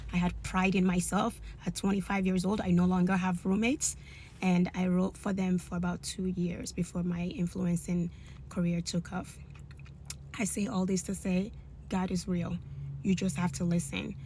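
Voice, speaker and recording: Animated woman telling a testimony. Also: on the low side, normal speed, slight background noise. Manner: animated, emphatic, acts out dialogue. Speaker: influencer sharing a faith testimony. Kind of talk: casual storytelling testimony.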